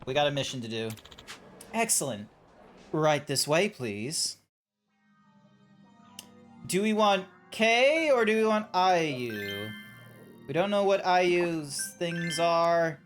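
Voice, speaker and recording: A video game streamer giving casual, halting live commentary and reading game text aloud, often flustered and exclamatory. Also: mid-range voice, sing-song, soft background music.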